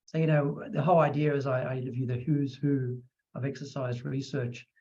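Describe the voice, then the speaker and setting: A middle-aged man hosting an interview podcast, chatty and animated, acting out little quotes as he talks. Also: medium pitch, a little fast. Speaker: podcast host. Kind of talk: casual interview chat. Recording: dull lo-fi sound.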